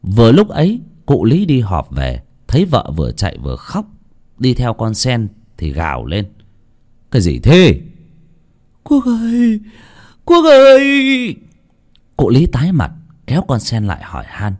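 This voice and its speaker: A man's voice: on the low side, wildly swooping pitch, moderate pace, warm tone. A man narrating a folk horror story in a dramatic storytelling style. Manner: dramatic, swooping delivery.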